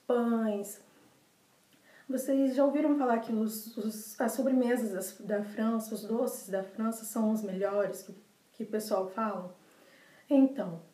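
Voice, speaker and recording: A woman's voice: fairly high pitch, mellow. A young adult woman with a Brazilian accent, chatting casually to camera as a video blogger and repeating words for emphasis. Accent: Brazilian Portuguese. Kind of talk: casual vlog to camera, showing desserts. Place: small bare room indoors. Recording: echoey small room.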